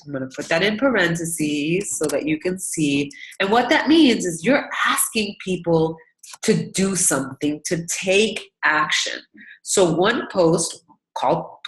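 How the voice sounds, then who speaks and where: On a training call for new team members, a stuffed-up woman working as a business coach stays upbeat and encouraging, frequently asking "right?" or "okay?". She has a lowish voice, and the audio is poor, with an echoey room.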